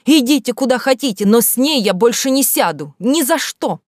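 A woman voicing an angry, hot-tempered teenage schoolgirl who shouts nervous accusations. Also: medium pitch, expressive, measured pace, dry recording, clean studio sound, pitched above the performer's own voice.

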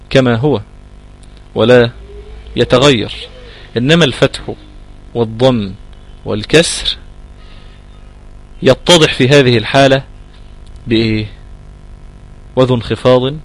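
A man's voice: medium pitch, low-quality recording. Patient Egyptian man teaching recitation. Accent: Egyptian Arabic. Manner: patient, repeats points and sounds out letters slowly. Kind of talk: tajweed lesson answering student questions.

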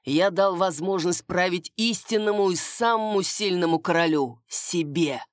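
A woman's voice: fairly low pitch, moderate pace, no room sound, clean studio sound, lightly acted. A woman voicing a cruel, scheming male king who gloats and mocks. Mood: cold. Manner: mocking, gloating.

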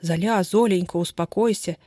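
A woman's voice: fairly low pitch, moderate pace, dark tone, no echo, lightly acted. A weak-willed husband who is nervous and pleading, his voice shaken, as a woman reader puts him on. He sounds close and dry, as in a spoken storybook.

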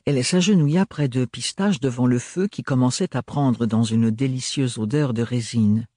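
A male narrator reads a novel in a measured, even way, with a husky, breathy voice at a mid pitch. The sound is dry and close, with no room sound. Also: dry recording. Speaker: audiobook narrator. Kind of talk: scripted narration.

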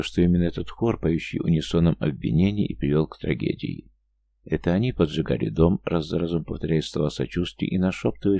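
A man narrating a novel in a measured, brooding storytelling manner. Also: low-pitched, vocal fry, mellow. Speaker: audiobook narrator. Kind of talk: scripted narration.

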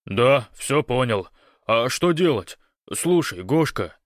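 Dude voicing a hyped-up big guy babbling fast over the radio, dry sound. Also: medium pitch, sing-song, dry recording, voice pushed up. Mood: flustered. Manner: hurried, jabbering. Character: big excitable man, eager radio buddy.

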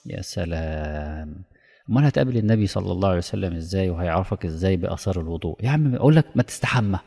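A man's voice: sits low, animated, rapid-fire, creaky, warm tone, breathy edge, heavily acted. A man with an Egyptian accent voicing a sly male devil who mockingly urges a worshipper to overdo his devotions. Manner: coaxing, mocking insistence. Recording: long hall reverb.

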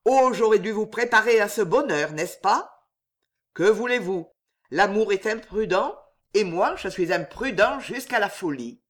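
Give me a reader as a mock-courteous, menacing gentleman who speaks slowly and with emphasis. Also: mid-range voice, lively intonation, close to an everyday voice. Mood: smug. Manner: smooth, mockingly gallant, emphatic. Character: smug, menacing male suitor, mock-courteous.

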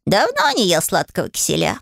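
A woman's voice: on the low side, wildly swooping pitch, a little fast, gravelly, fairly bright tone, no echo, studio quality, heavily acted. A woman voicing a centuries-old male stove spirit who speaks humbly and earnestly.

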